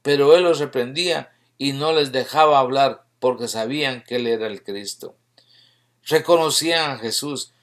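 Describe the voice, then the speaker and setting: A man preaching a sermon with fervor, reading scripture aloud and rising into emphatic bursts between quieter stretches. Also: medium pitch, normal speed.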